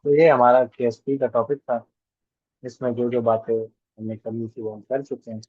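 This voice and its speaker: A man's voice: mid-range voice, steady tone, moderate pace, breathy edge, no echo, narrow, tinny audio. A male chemistry teacher giving a classroom lecture, repeating key phrases and checking that students follow. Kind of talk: classroom lecture mixing Hindi and English.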